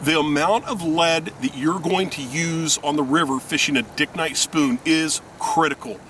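A middle-aged man teaches fishing outdoors beside a river, addressing viewers directly with emphasis as he demonstrates. He speaks at normal speed in a voice on the high side and a bit bright; a distant mic picks up faint river sounds.

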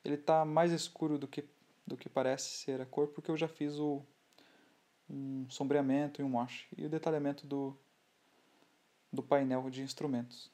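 Relaxed, halting Brazilian man, dark voice. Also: medium pitch. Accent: Brazilian Portuguese. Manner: relaxed, halting, with many restarts. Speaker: scale model builder. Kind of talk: hobby tutorial voice-over.

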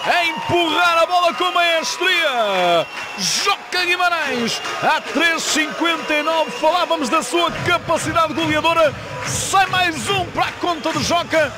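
A man with a European Portuguese accent giving fast, dramatic live roller hockey commentary, bursting into drawn-out excited goal calls. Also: very high voice. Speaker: play-by-play sports commentator. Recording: loud crowd noise in sports hall. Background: crowd and arena noise.

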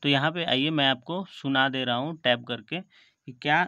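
This phone tutorial is narrated by an Indian-accented man whose mid-range voice sounds pushed and bright, at normal speed. He goes step by step, keeps seeking confirmation, and addresses viewers as friends. The audio is dull, with no echo.

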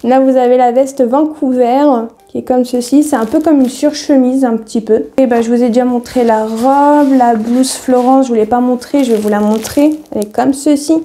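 High-pitched, very mellow chatty woman. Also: fairly even intonation, moderate pace, hardly any pauses. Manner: rambling and chatty, many hesitations; self-deprecating, easily laughing. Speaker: sewing vlogger. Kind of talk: casual haul video chat.

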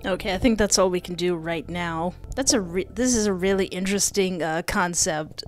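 On a close desk microphone and headset, a young woman narrates a gaming video at a moderate pace in a fairly low voice. She moves between dramatic reading of text and easygoing commentary, with music underneath.

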